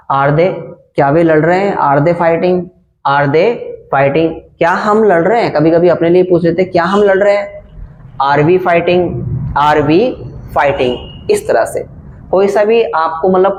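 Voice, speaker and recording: A male English teacher giving a lesson, explaining grammar and repeating example sentences slowly. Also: fairly high pitch. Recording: dull lo-fi sound.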